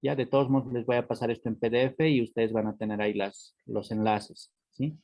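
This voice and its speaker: In a dry recording, a man with a mid-range, darkish voice teaches an online class at a brisk pace and steady tone. He explains patiently, repeats words as he goes, and tags nearly every phrase with "¿no?" or "¿sí?"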